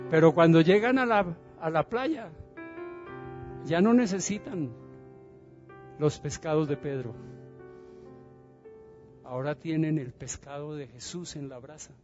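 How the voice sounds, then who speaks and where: A male pastor preaching a sermon in a church, animated and dramatic, getting the congregation to repeat phrases and asking them questions. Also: fairly high pitch, highs cut off.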